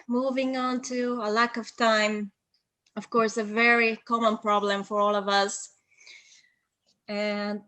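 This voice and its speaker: A young translator whose native language is Bulgarian gives advice as an interview guest, measured and methodical, with frequent ums. Her medium-pitched voice is fairly bright. The recording is dry and close, without room sound.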